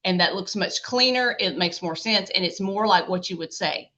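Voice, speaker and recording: A bright-voiced woman teaches a grammar lecture in a casual, chatty manner, pausing often to check that the class is following. The recording sounds dull and a little lo-fi. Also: medium pitch. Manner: chatty, checks in with frequent "okay?" and "right?".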